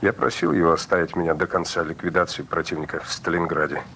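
An actor playing a resigned, subdued Soviet officer in war film dialogue. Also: male voice, low voice, fast, vocal fry, bright, forceful tone, a little hiss or hum, exaggerated voice.

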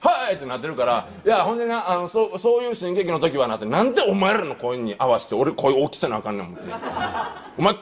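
A middle-aged man with a Kansai accent, spinning a comic tale at a rapid clip. His pitch leaps up and down as he mimics the people in his story, keeping the telling lively and animated. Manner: animated, acts out quoted voices, rapid delivery. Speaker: comedian telling an anecdote. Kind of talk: comic storytelling on a panel show.

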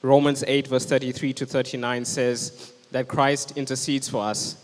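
A young preacher stands on an indoor church stage among band instruments, delivering an earnest, urgent sermon into a handheld mic. His mid-pitched voice has a flat delivery at a moderate pace, ringing out with a long hall reverb.

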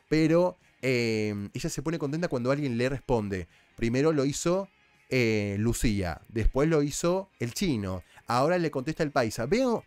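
A man's voice: mid-range voice, a little mellow, no echo. A man with an Argentine accent giving casual commentary as a reality show recap host, chatty and explanatory. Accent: Argentine Spanish. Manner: chatty, explanatory, with frequent restarts.

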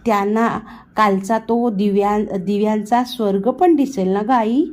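A woman's voice: mid-range voice, unhurried, darkish tone, lightly acted. A woman voicing a sweet, innocent little boy who asks eager, wondering questions.

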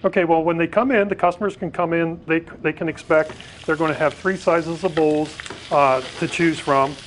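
A middle-aged man with a slightly high voice rambles on as a guest in a morning-TV studio kitchen. He talks through a lapel mic over a faint hiss of food frying on the stove, his sentences full of fillers and restarts. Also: steady tone, normal speed. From Pennsylvania. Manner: rambling, many fillers and "and everything". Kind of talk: TV cooking segment interview. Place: studio kitchen set, indoors. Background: faint sizzling of frying food.

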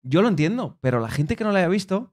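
A man's voice: sits high, big pitch swings, fast, a little mellow. A man from Spain co-hosting a casual podcast, opinionated and explaining at length. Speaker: podcast co-host. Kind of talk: casual chat.

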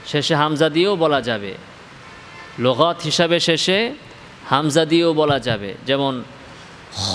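A man from Bangladesh teaching Quranic letter pronunciation in a slow spoken lesson. He asks his listeners questions, answers them himself, and draws out each letter sound. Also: a little high, a bit bright, long reverb tail, a little hiss or hum.

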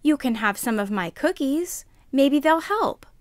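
A woman voicing a kind, timid little girl in a children's puppet show, sweet and deliberate. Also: sits high, expressive, no room sound, clean studio sound.

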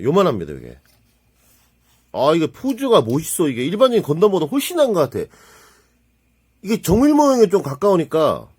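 Excitable husky man narrating a model build. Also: medium pitch. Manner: excitable, exclaims and mutters while handling parts. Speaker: model kit builder reviewing his build. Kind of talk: casual hands-on hobby narration.

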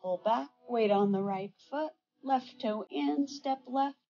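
An older woman instructor calling out tai chi movements in serene, measured short phrases. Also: on the high side, mellow, muffled recording.

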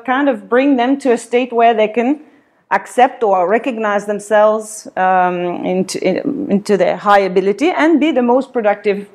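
A woman's voice: mid-range voice, darkish tone. A woman from Switzerland giving a seminar talk in a meeting room, with many ums and uhs, filmed by a camera across the room. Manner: many fillers, hesitant, laughs often. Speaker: seminar speaker. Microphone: far camera.

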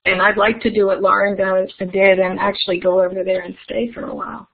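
Brisk and level in tone, this woman's medium-pitched voice is creaky with a breathy edge. She leads a friendly, interactive keynote via webinar, heard through tinny, telephone-quality audio.

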